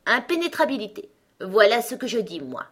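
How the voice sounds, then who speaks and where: A woman voicing a pompous, touchy male egg who lectures in a scornful, lofty way, with a husky voice. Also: fairly high pitch, sing-song, moderate pace, a bit bright, voice pushed up. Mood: boastful. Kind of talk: storybook reading.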